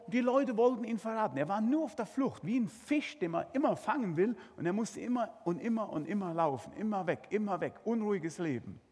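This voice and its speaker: A man with a high, husky voice preaches dramatically, his intonation swooping and lively and breaking into sudden bursts of intensity. He speaks directly to his audience, firing off rhetorical questions, while a large hall gives the sermon a long, ringing reverb.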